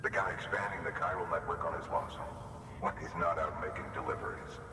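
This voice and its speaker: A distant, heavily echoing recording carries a man acting as an admiring station worker in a game cutscene. His voice is low, with clear noise around it in a long, hall-like reverb. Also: fast, lightly acted. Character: admiring male station worker greeting a legendary courier.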